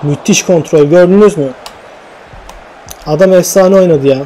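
A man commentating his own football video game match, shouting and groaning at chances, then calmly recapping standings at night at home. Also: sits high, moderate pace, slight background noise. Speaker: gaming YouTuber. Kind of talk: excited gameplay commentary.

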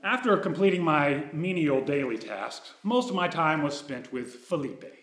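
A man in his thirties reading a true personal story aloud on a dark theater stage, wry and ironic. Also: a little high, expressive, moderate pace, roomy sound.

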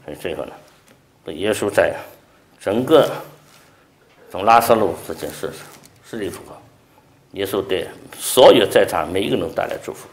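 Man preaching a sermon, lively swooping pitch, gravelly voice, loud peaks and hushed drops, echoey church hall. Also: normal speed, long pauses. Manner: animated preaching, rising loud then dropping to soft near-whispers. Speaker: pastor. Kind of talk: revival sermon.

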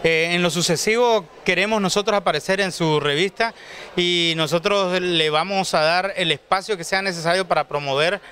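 A man's voice: sits high, moderate pace, pushed and bright, a little hiss or hum. A man in his forties hosting a TV show, interviewing a guest at a trade fair booth with a handheld mic, formal and courteous. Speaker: TV show host.

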